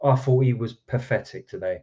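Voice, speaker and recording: Brisk and mellow, his mid-range voice carries an irate rant about the football, peppered with swearing, streamed from his house. Audio quality is dull and lo-fi.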